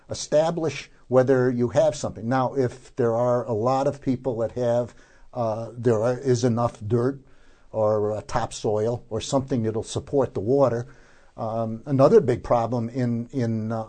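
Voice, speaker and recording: An older man being interviewed as a gardener, informally explaining how to do things, haltingly and often searching for words. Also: medium pitch, mellow.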